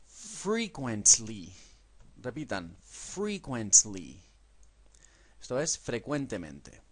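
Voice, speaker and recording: Teaching English as if in a classroom, this fairly high-pitched man says words slowly so the listener can repeat them. He constantly checks in with a quick, questioning "¿vale?" at the ends of sentences.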